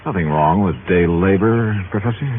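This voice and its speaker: An actor playing a sharp, skeptical insurance investigator, dry and conversational, in a 1950s detective radio drama. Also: male voice, low voice, normal speed, a little hiss or hum, natural voice. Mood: casual, probing. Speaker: lead actor and narrator. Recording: muffled 1950s radio recording with music.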